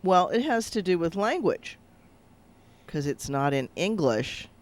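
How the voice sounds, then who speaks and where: A man's voice: sits high, very animated, unhurried. A man, a rabbi, chatting casually on a radio talk show over a video link, rambling and hesitant with lots of fillers.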